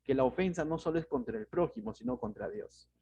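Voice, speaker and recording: A man's voice: a little high, lively intonation, brisk, vocal fry, warm tone, slightly rough, dry recording, muffled recording. A man with a Peruvian Spanish accent, a pastor giving verse-by-verse Bible teaching in a conversational way, often asking rhetorical questions.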